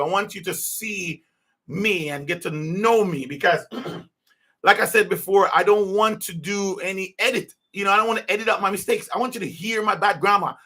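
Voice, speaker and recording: High-voiced man, earnest and rambling. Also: bright, forceful tone, husky. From Jamaica. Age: 50s. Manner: earnest, rambling with many restarts. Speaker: podcast host. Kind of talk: unscripted personal monologue.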